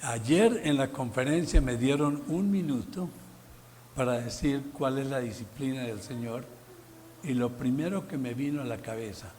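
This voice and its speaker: A man preaching a Sunday sermon as pastor, emphatic, with sudden loud bursts and exclamations. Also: mid-range voice, animated, normal speed, a little hiss or hum. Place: church sanctuary.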